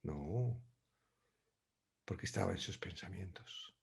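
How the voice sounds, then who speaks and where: A man's voice: deep voice, expressive, slow pace, gravelly. Reflective man teaching scripture. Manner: reflective, searching for words, frequent restarts. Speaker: Bible study teacher. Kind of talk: conversational Bible teaching.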